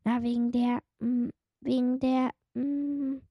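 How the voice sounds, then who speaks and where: Small teasing demon girl, voiced by a woman; slow and dry, close to the mic. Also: on the high side, flat delivery, dry recording, highs cut off. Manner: teasing, sarcastic. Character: small, cheeky young female demon.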